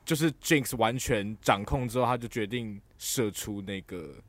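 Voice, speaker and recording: A man co-hosting a podcast in casual discussion, talking in an animated way and often ending his points with a tag question. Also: fairly low pitch, normal speed, a crowd in the background. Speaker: podcast co-host.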